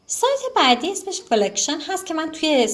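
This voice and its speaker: A woman with a slightly high voice walks through a software tutorial in an easy, chatty way. She pauses on fillers and corrects herself as she goes, like a teacher recording her screen at her computer. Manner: relaxed, chatty, with frequent fillers and self-corrections.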